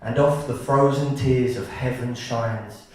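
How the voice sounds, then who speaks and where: Slow, rhythmic man reciting poetry. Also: medium pitch, steady tone. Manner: rhythmic, measured recitation with offhand asides. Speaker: spoken word poet. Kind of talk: live poetry performance. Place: live performance venue. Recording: echoey venue, mic from far off.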